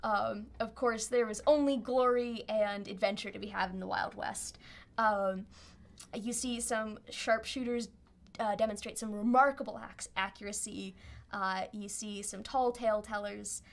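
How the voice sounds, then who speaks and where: A woman working as game master, improvising tabletop narration in a halting, playful, casual storytelling way. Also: mid-range voice, fairly even intonation.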